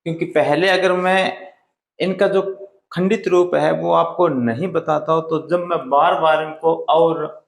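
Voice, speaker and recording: A man teaching a Hindi grammar lesson, slowly and deliberately sounding out the vowels for his students. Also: fairly high pitch, gravelly. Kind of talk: slow blackboard-style grammar lesson. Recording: echoey room.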